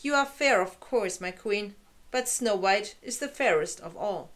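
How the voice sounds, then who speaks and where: Woman reading a magic mirror, calm and matter of fact, storybook. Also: medium pitch, a little slow.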